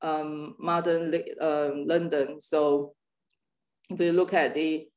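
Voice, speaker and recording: A woman from Taiwan giving a guest lecture on urban planning over a video call, pausing often with fillers and restarting her sentences. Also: sits low, level tone, a little mellow. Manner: hesitant, many fillers and restarts.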